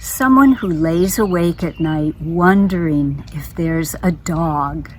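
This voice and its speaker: A woman delivers one-liner jokes with very slow, deliberate setups. Her voice sits slightly low. A faint hiss lies behind her. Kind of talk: deadpan joke telling.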